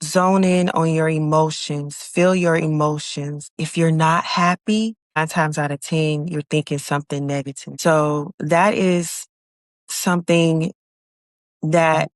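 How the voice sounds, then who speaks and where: A woman hosting her own podcast, talking alone in a calm, reflective, encouraging way. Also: low-pitched, takes it slowly, no room sound, studio quality. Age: adult with children. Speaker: podcast host. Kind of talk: solo motivational podcast talk.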